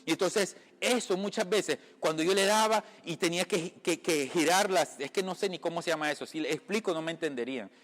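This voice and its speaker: A man's voice: on the high side, a little fast, few pauses, fairly bright tone. A man from the Caribbean giving an informal sermon, talking conversationally to his listeners, often calling them brother and checking they follow. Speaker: lay preacher. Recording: long reverb from a room.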